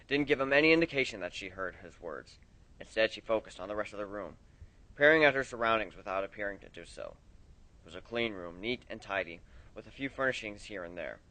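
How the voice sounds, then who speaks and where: A man reading fan fiction aloud, expressive, his loudness rising and falling with the story. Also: on the low side, no echo, poor audio.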